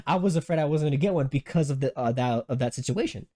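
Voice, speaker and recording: A podcast host tells a story in loose conversation, talking fast, swearing a lot, and restarting often. When he quotes himself, his voice suddenly leaps up high.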